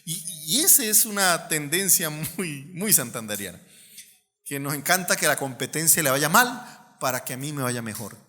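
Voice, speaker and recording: A Colombian man preaching a sermon as pastor, animated and acting out the people in his stories. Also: a little high, moderate pace, long reverb tail, faint music behind. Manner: animated, acts out quoted voices.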